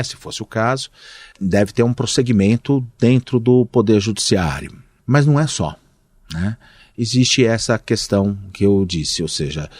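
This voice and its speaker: A man from Brazil speaks as a guest reporter on a podcast, building a measured argument through rhetorical questions. His voice sits low and a little husky. His pitch rises and falls in lively swings, and the sound is dry and close. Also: dry recording. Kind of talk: podcast interview analysis.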